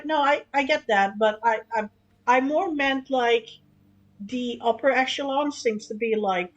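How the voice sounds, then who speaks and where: A woman streamer with a mid-range voice chats frankly and casually while gaming on a live stream, swearing now and then and often restarting her sentences. The recording quality is low.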